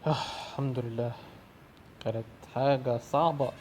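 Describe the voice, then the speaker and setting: A young man with an Egyptian Arabic accent doing fast, excitable commentary on a horror game, yelling and swearing when scared. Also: mid-range voice, a little hiss or hum. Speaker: gamer.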